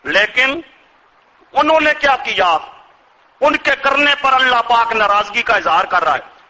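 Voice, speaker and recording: High, bright-voiced older Punjabi preacher. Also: male voice, expressive, poor audio. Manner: rhetorical questions to the audience, chanted Quran verses. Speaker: Islamic scholar. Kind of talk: sermon.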